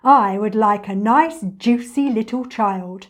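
A woman's voice: a little high, slow. Woman putting on a gloating, greedy enormous male crocodile.

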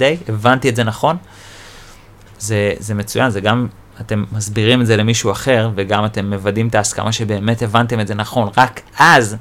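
A man hosting a podcast, explaining personal growth in an animated monologue, acting out inner thoughts and repeating key phrases. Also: medium pitch. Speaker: podcast host and personal development teacher.

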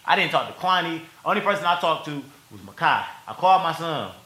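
Fast-talking, emotional man in a roomy space. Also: on the high side, animated, bright, forceful tone. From Milwaukee. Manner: emotional, laughing through tears, slangy. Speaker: content creator telling his story. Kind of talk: casual interview storytelling.

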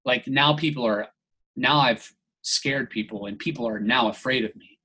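A man's voice: medium pitch, moderate pace, sharp tone, a little hiss or hum, low-quality recording. A man from the United States telling a rambling story in casual podcast chat, filling nearly every phrase with "like". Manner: rambling, heavy use of "like", restarts.

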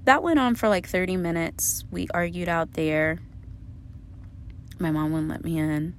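A woman's voice: on the low side, a little slow, a little hiss or hum. A woman in her thirties telling her life story casually to camera, candid and swearing freely as she talks straight to viewers. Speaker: vlogger.

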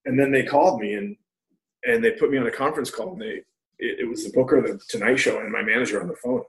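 Man, 40s, stand-up comic, casual profane storyteller, roomy echo, mid pitch. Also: quick pace. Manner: loose, profane storytelling with quoted dialogue. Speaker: stand-up comedian guest. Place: room at home. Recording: echoey room.

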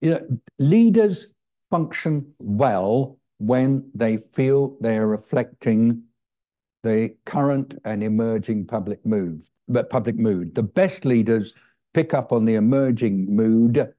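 A man giving measured, earnest, thoughtful answers as a guest speaker at a public talk. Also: mid-range voice, warm tone.

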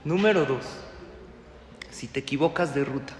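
A man giving a sermon as a rabbi, animated and joking, firing rhetorical questions at his audience. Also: on the high side, moderate pace. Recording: echoey hall.

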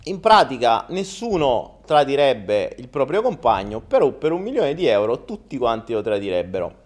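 A man's voice: medium pitch, sing-song, moderate pace. A man voicing a cheeky little boy in a raised, eager voice.

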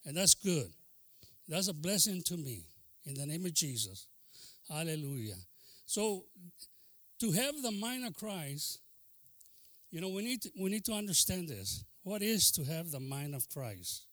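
A man's voice: sing-song, takes it slowly, long pauses, dry recording, studio quality. Bilingual preacher man, amen and hallelujah. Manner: switches between Spanish and English; drops to a soft, low, confiding voice between loud bursts. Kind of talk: bilingual sermon.

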